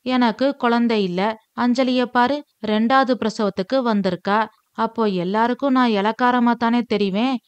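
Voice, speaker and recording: A woman's voice: on the high side, clean tone, no room sound. A woman with a Tamil accent reading a family novel aloud, speaking every character's lines with little change of voice. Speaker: audiobook narrator. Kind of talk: novel read aloud, voicing all characters.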